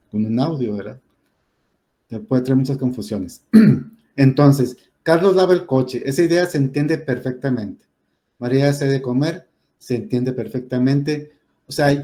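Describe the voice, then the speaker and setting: A man teaches a grammar lesson patiently, explaining carefully with many "este" fillers and often checking in with a rhetorical "¿verdad?". His voice is mid-range and warm.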